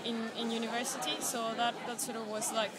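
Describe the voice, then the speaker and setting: A woman's voice: a little high, flat delivery, brisk. A young woman from Peru, a student answering interview questions hesitantly, often restarting her sentences. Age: young adult. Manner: hesitant, searching for words with many restarts. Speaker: conference volunteer and student. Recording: loud crowd chatter behind.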